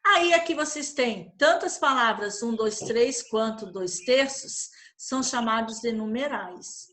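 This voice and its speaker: A Brazilian woman teaching young children in an online class, her voice high and clear. She explains a worksheet patiently, with lots of diminutives and frequent checks for understanding. The tone is bright and lively. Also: measured pace. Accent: Brazilian Portuguese.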